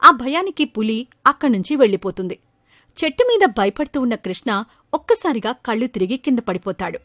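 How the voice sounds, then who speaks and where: Brief: high-pitched female storyteller, dry close recording, steady scripted storybook narration. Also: a little fast, dry recording.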